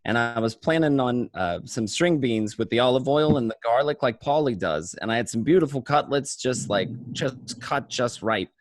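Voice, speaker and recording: A man plays a paranoid gangster with street smarts in a radio play, recounting his day in the first person in a matter-of-fact, coarse, conversational manner. His medium-pitched voice is expressive and lightly acted, running at a moderate pace with few pauses and no echo.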